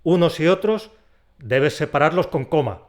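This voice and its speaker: A man teaching punctuation, in a clear, deliberate explanatory voice that acts out the intonation of his example sentences. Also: a little high, expressive, a little mellow. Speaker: Spanish grammar teacher. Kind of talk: recorded video lesson.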